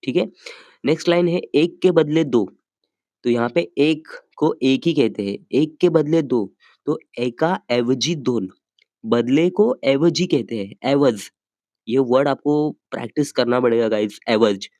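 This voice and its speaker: A man teaching a language lesson, patiently repeating each phrase slowly and checking that listeners follow. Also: mid-range voice, mellow, no echo. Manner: says phrases slowly and carefully for practice.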